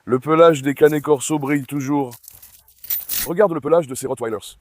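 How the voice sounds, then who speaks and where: A man's voice: on the high side, moderate pace. A middle-aged man hosting a casual dog-farm vlog, chatting to viewers and calling out fondly to his dogs. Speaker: dog breeder and channel host.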